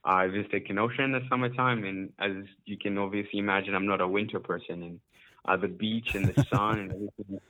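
A man from Uganda, a musician, talks through an interview in a loose, halting way, full of ums and quick laughs. His voice sits a little low, and it comes through a thin, phone-like line that cuts away the lows and highs. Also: fairly even intonation, bright, forceful tone. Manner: hesitant, many ums, laughs often. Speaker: musician guest. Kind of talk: casual interview.

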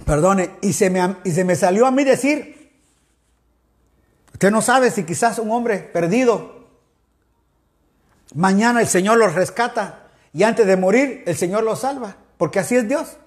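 A man's voice: high voice, unhurried, long pauses. A man from Ecuador preaching a sermon, fervent and addressing listeners directly with frequent exclamations.

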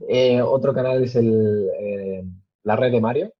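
A man answering interview questions casually, with many fillers and pauses. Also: mid-range voice, highs cut off. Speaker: podcast guest.

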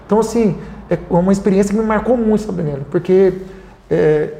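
The founder of a Brazilian charity for homeless people, his voice high, brisk, gravelly, and mellow, earnestly shares interview stories and acts out the dialogue. There's slight background noise and a roomy echo.

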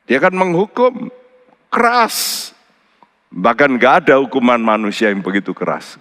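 Guy preaching a sermon, earnest, voice jumps up high then drops low, big echoey hall. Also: expressive, moderate pace. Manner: earnest preaching, often addressing listeners as brothers and sisters; pitch jumps high for emphasis, drops low and quiet for solemn points. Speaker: pastor. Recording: long hall reverb.

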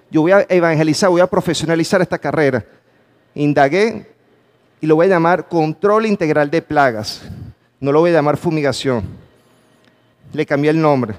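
Male motivational speaker with a fairly high voice, pitching questions to a live audience and hammering his points home. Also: darkish tone. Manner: emphatic, calls for audience response. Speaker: conference speaker. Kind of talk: motivational talk. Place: conference hall with a live audience.

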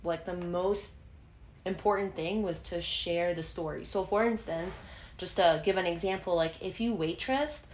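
A woman's voice: lowish voice, moderate pace, slight background noise. A young woman co-hosting a podcast, chatting casually with lots of fillers. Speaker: podcast co-host. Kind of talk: casual chat. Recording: echoey room.

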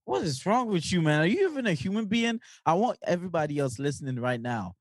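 A young man from New York co-hosting a podcast in animated, jokey casual chat with lots of slang. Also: fairly high pitch, fast, dry recording. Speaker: podcast co-host.

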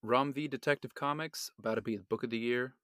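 A man's voice: medium pitch, steady tone, quick pace, fairly bright tone, no echo, studio quality. A man co-hosting a casual comics podcast, speaking in a matter-of-fact, teasing way. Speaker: podcast co-host.

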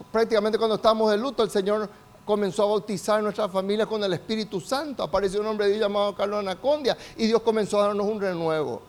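An older man with a Rioplatense Spanish accent, a pastor preaching a sermon with rising, shouted emphasis and calls for amen. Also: sits high.

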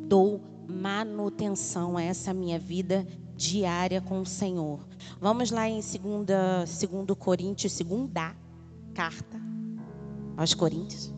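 A woman's voice: fairly low pitch, long reverb tail. A woman preaching a sermon at a women's conference, talking with the audience in an intimate way and repeating short, emphatic phrases. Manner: conversational and intimate, asides to the audience. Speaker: deaconess preacher.

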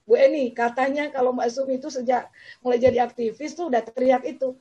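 A woman host with a high voice leads an online panel. She is animated and teasing, with lots of exclamations. Her voice comes through as dull, lo-fi video-call audio. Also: a little fast, slightly rough. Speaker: moderator, host. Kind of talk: lively online panel moderation.

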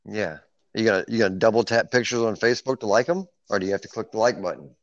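A man's voice: lowish voice, fast talker, dry recording. Male podcast co-host, playful and jokey, dry close sound with a muffled lo-fi quality. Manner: joking, playful, laughs often. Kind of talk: casual podcast chat. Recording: dull lo-fi sound.

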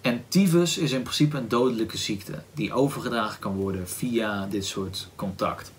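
A man with a Dutch accent hosting a book podcast, talking casually and thoughtfully, often pausing to search for words with "ehm" and restarts. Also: fairly low pitch, slight background noise. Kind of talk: casual book discussion with read-aloud passage.

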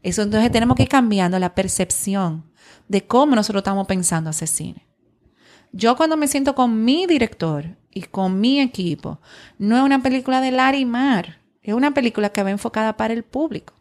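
A woman from the Republic, a film producer telling stories in an interview, animated and full of restarts. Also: fairly high pitch, fairly quick. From Dominican Republic. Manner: animated storytelling with frequent restarts. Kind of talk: interview guest talk.

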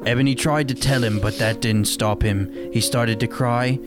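A man giving a mock-serious, deadpan comedic reading of a story, with music behind him. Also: mid-range voice, normal speed. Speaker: reader.

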